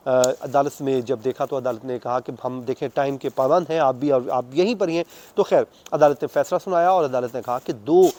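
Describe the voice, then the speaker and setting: This Pakistani-accented man has a fairly high pitch and a darkish tone. As a court reporter, he recounts the news conversationally and off the cuff, laying out the details in sequence and dropping in English legal vocabulary.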